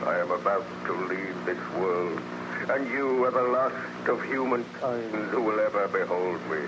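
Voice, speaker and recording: A man's voice: fairly low pitch, measured pace. An actor playing a bitter, anguished, lonely man-made monster in solemn, declamatory 1930s radio drama style. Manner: declamatory, solemn, theatrical, formal phrasing. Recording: noisy, band-limited 1930s radio recording.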